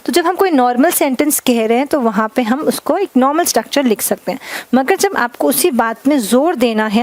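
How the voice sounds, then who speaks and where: A woman teaching grammar in Hindi. She dictates example sentences slowly word by word and keeps checking in with "ठीक है". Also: a little high, a little mellow, no echo. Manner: addresses viewers as "guys", repeats "ठीक है" often. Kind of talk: classroom grammar lesson.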